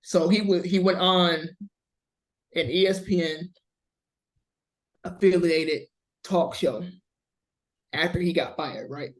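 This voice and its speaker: A man co-hosting a casual sports podcast, hesitant and measured with many fillers. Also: fairly high pitch. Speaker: podcast co-host.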